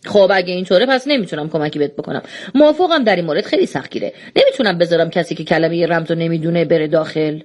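A woman's voice: fairly low pitch, hardly any pauses, a little mellow, natural voice. A woman reading the lines of a rule-bound doorkeeper who apologizes but will not bend, in an audiobook. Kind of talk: audiobook dialogue.

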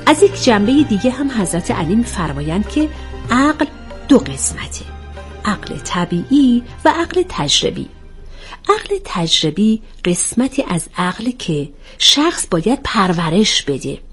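A woman voicing a calm young woman who patiently explains things in a storybook reading. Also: mid-range voice, faint music behind, natural voice. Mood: explaining.

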